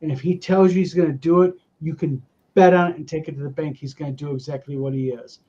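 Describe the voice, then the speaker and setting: Fifties male host, blunt and emphatic, slightly high voice, dull lo-fi audio. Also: fairly even intonation, fast talker, dark tone. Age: 50s. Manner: blunt, emphatic, swears freely. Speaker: podcast host reading viewer mail. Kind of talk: casual chat.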